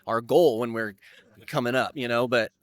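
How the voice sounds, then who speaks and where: A man interviewing a skater in an excited, chatty way, full of slang. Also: mid-range voice, normal speed, clear, resonant tone, no room sound. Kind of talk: casual interview.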